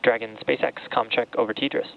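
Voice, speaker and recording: A man's voice: medium pitch, fairly even intonation, quick pace, creaky. A man working as a mission controller, making procedural astronaut radio announcements over a transmission link. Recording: tinny narrow-band radio, faint noise.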